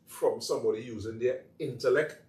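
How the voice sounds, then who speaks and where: Telling stories with animation and Creole phrasing, this Trinidadian man chats casually as a talk show guest. He speaks briskly at medium pitch with a darkish tone, captured by a distant mic in an echoey room with faint noise.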